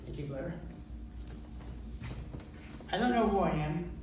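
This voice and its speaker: A man from India telling a personal story on stage, halting and self-mocking, with many fillers. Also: high-pitched, animated. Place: theater stage. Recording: echoey hall recorded from far off, with noise.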